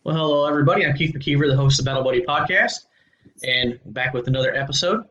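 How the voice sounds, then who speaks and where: A male podcast host talks in a relaxed, friendly way, his voice bright. He speaks into a boom-arm mic in a home studio. The sound is a little dull and lo-fi. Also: fast. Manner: relaxed and friendly, with many fillers and restarts. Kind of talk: casual interview conversation. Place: indoor home studio room. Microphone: large studio mic on a boom arm.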